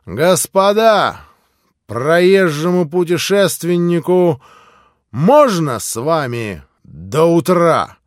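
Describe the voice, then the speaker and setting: An impulsive, feverish young man in an audiobook, eager and courteous, his voice close to the male reader's own with a lively, animated lilt. A dry, close recording with nothing around it. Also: on the high side, slow, no echo, voice pushed up.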